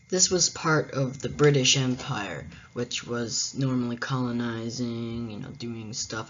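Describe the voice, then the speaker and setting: A host narrating a history explainer in a casual way, with wry, joking asides. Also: medium pitch. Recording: dull, muffled lo-fi recording.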